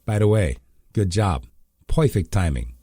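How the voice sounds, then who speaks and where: A man's voice: low voice, expressive, unhurried, dark tone, breathy edge, no echo, clean studio sound, full character voice. A man doing a brusque New York corporal. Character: brusque male army corporal.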